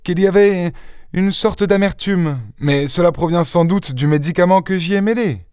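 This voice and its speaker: Male reader puts on a timid young woman, high and halting, storybook reading, dry sound. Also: darkish tone, clear, resonant tone, no echo, natural voice. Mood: hesitant. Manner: raised falsetto-like pitch, hesitant. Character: frightened young woman, sickly and shaken.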